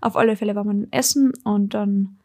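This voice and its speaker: A woman's voice: mid-range voice, fairly even intonation, moderate pace, a little mellow. A woman with an Austrian accent hosting her own podcast, chatting casually and telling stories in which she acts out her own thoughts. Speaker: podcast host. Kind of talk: casual solo podcast chat.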